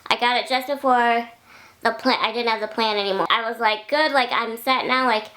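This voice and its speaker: A woman's voice: fairly high pitch, steady tone, brisk, pushed and bright. A young adult woman vlogging casually, chatty and rambling, often losing her thread and backtracking. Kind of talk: casual vlog talking to camera.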